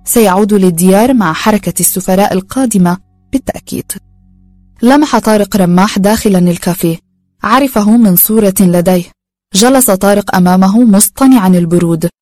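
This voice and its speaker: A woman narrating a story in a calm, steady reading voice. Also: medium pitch, no room sound.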